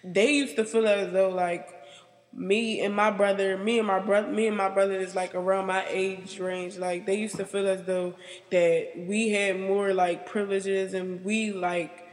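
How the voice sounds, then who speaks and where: A woman's voice: medium pitch, level tone, soft background music. Young woman interviewee who rambles and hesitates, dropping "like" constantly, with a long reverb on her voice. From United States. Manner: halting and rambling, filled with "like". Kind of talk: personal interview.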